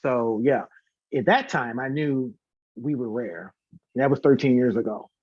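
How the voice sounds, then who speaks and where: A mid-range-voiced man, recorded with dull audio and no echo, chats informally as an interview guest. He sings and organizes concerts, and he's talkative, often repeating words for emphasis.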